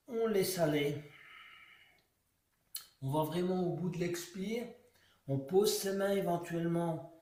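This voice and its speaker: A man guiding a yoga class, giving slow, calm cues timed to the breath. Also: high-pitched. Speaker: yoga teacher. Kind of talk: guided yoga class instruction. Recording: echoey room, voice from far off.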